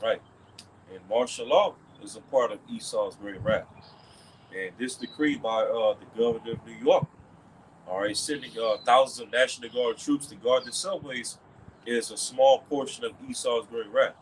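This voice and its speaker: A man talking through a religious commentary in a middle-pitched voice. He rambles, circling back with "okay" and "all right" between thoughts. A faint hiss sits under the recording. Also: moderate pace, poor audio.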